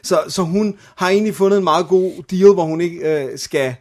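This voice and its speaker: A man co-hosting a relaxed film chat, walking through a plot at length. He talks slightly high and pauses to search for words. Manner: explains plots at length, hesitant. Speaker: podcast co-host. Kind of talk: casual film-review chat.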